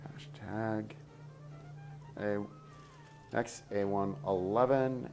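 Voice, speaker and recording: A low-voiced man talks half to himself during a livestream, trailing off into quiet asides and small exclamations. His tone is relaxed and offhand. Faint music plays behind him. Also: drawn-out words, gravelly. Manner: mumbling asides to himself while working. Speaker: host building a model kit on stream. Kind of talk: casual livestream commentary.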